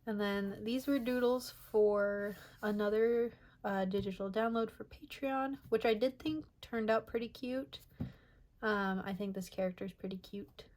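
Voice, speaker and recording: A young woman casually narrating over her sketchbook pages, soft and rambling with many pauses and filler words. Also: medium pitch, fairly even intonation. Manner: soft, rambling, many ums and self-corrections. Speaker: artist showing her sketchbook.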